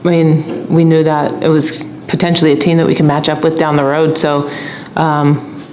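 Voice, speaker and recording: A middle-aged woman head coach answering reporters' questions at a postgame press conference, speaking in a measured, steady way into a table mic. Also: deep voice. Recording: echoey room, faint hum.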